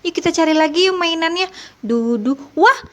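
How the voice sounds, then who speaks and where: A woman's voice: very high voice, expressive, moderate pace. A woman narrating playfully for young children, exclaiming often like a kids' party magician and addressing her viewers as friends. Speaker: children's toy video host.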